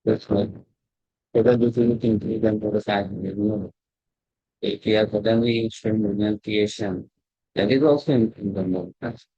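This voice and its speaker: A man teaching an online scripture class over a video call, his voice muffled as if heard through a wall, talking in halting phrases with many restarts. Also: on the low side, steady tone, mellow, slightly rough, dry recording. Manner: halting, with frequent restarts and fillers. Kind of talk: lecture with questions to students. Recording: dull, lo-fi, dry computer mic.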